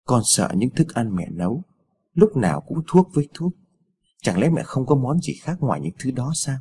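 A man voicing a sickly, timid young girl, speaking softly and pleadingly, in a husky voice. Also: mid-range voice, sing-song, normal speed. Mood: complaining. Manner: soft, pleading.

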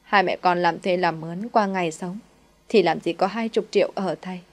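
A woman's voice: fairly low pitch, moderate pace, lightly acted. A woman doing a tearful begging old mother. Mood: desperate. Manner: pleading, humble, tearful.

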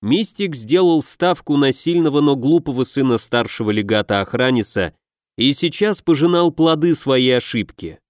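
A man reading fantasy narration in an even, measured voice. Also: medium pitch, dry recording, clean studio sound. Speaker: audiobook narrator.

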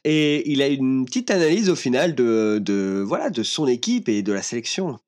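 A man's voice: medium pitch, big pitch swings, normal speed, slight background noise. A man hosting a podcast in casual chat, teasing his co-hosts and moving the talk along. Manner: laughs easily, teasing, moves the show along. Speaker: podcast host.

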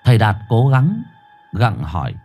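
A man narrating a ghost story in a lively, colloquial storytelling manner. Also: on the low side, a little slow, faint music behind.

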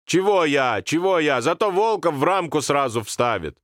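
A man voicing a fussy, scolding old village grandmother in a storybook reading, with drawn-out country speech. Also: on the high side, animated, fairly bright tone, no room sound, studio quality, voice pushed up.

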